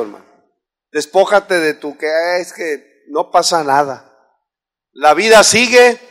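A Mexican pastor delivers a sermon in a notably high voice for a man. He peppers his congregation with rhetorical questions, rising loud and then dropping low. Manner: preachy, many rhetorical questions, swings between loud and soft.

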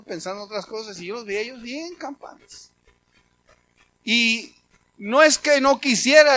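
A middle-aged man with a Mexican Spanish accent giving a sermon testimony, telling stories and quoting conversations in a chatty way. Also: high-pitched. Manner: conversational storytelling, animated quoting. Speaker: preacher.

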